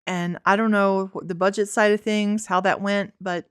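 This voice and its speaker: A woman's voice: medium pitch, little pitch movement, moderate pace, clean tone, no echo. Southern woman, co-host of a casual chat podcast, wry and chatty, dry close sound. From Tennessee.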